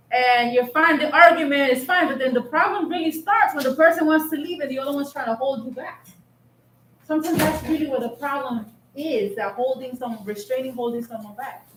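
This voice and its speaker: A woman's voice: high-pitched, a bit bright. Counselor woman in an echoey room. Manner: guiding, asks reflective questions. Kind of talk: group counseling. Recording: echoey room, faint noise.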